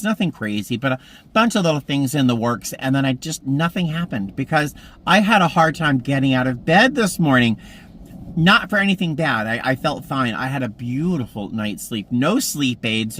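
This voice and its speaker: A man's voice: medium pitch, a bit bright, slight background noise. A man in his mid-fifties chatting casually to camera from a parked car, telling meandering stories. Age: 50s. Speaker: vlogger. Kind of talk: casual vlog chat.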